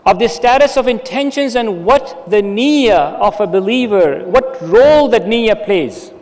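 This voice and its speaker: A middle-aged man delivers a Friday sermon with earnest, emphatic exhortation. His voice sits unusually high. He speaks into a stand microphone, and a long reverb trails each phrase. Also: expressive, unhurried, a little mellow. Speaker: preacher. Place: dark stage with curtain backdrop. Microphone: stand mic at the lectern.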